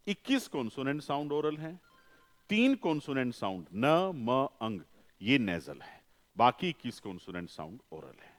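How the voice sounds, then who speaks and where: A male phonetics teacher, lecturing and answering his own questions with repeated key terms. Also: fairly high pitch. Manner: slows down for emphasis. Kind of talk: classroom lecture. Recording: long reverb, echoey room.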